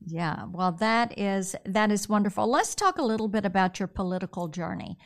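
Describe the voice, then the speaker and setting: A woman from Tennessee hosting an interview, who speaks in a measured, affirming way as she sets up her questions. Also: mid-range voice, animated. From Tennessee, USA. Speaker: interview host.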